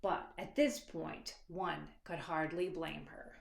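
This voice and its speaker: A woman with a deep, gravelly voice reads her own children's picture book aloud in an echoey room with background noise. She goes at an unhurried pace, dramatic and expressive, stretching words and dropping to a hush as she speaks straight to small children, pausing to ask the young listeners questions.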